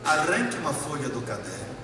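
A man's voice: mid-range voice, brisk. Humorous man lecturing in an echoey hall. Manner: humorous, animated, questions the audience. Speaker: speaker at an education talk. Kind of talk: lecture to a live audience. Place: large hall. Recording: echoey hall, distant mic, noisy.

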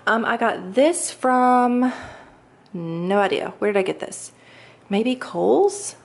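A woman's voice: fairly high pitch, expressive, takes it slowly. A young woman, chatting casually and upbeat while showing her home on a handheld camera. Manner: chatty, upbeat, lots of fillers. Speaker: lifestyle vlogger. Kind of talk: casual home tour chat. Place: large home kitchen and dining room, indoors. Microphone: handheld camera mic.

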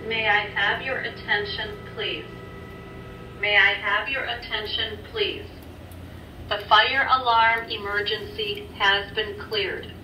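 A woman's recorded emergency announcement played over a loudspeaker after an alert chime, calm, measured and formal. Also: medium pitch. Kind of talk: recorded public address announcement. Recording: echoey loudspeaker from far off, loud alarm noise.

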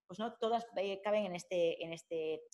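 Woman lecturing, halting and informal. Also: fairly low pitch, warm tone. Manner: informal, many fillers and restarts. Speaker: lecturer at a summer course. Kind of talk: academic talk with slides.

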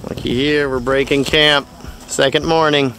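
A middle-aged man vlogging outdoors on a river with a phone held at arm's length, relaxed and upbeat, full of fillers. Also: a little high, moderate pace, soft background music, poor audio. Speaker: outdoor instructor. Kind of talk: casual vlog narration.

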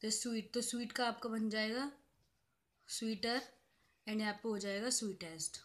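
A woman's voice: on the high side, fairly even intonation. Woman lecturing, repeating examples. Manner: explains step by step, repeating each example slowly; mixes English terms into Hindi explanation. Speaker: professor. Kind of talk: grammar lecture.

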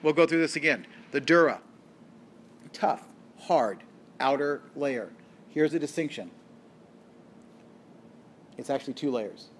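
A man's voice: a little high, animated, a little slow, long pauses, slight background noise. A man giving a recorded college biology lecture, explaining step by step and asking questions that he then answers himself. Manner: asks the class questions and answers them himself.

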